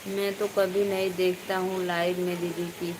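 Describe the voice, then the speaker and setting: A woman from eastern Uttar Pradesh with an Awadhi-tinged Hindi accent, hosting a casual live stream, chatting with viewers by name and speaking loudly over rain. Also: lowish voice, flat delivery, moderate pace. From eastern Uttar Pradesh, India. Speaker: live stream host and folk singer. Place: indoors at home during heavy rain. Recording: faint background noise of rain.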